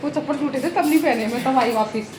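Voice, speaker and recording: High, fast-talking woman vlogger. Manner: teasing, mock-sulking, repeats herself. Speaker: family vlogger talking to viewers. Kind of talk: casual home vlog banter. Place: inside a home, near stairs. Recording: echoey room with background noise.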